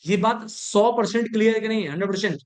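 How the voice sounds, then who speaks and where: A male chemistry teacher giving a classroom lecture. He keeps checking whether his students have understood, mixes English terms into his talk, and slows down to dictate before speeding up to explain. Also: sits high, darkish tone.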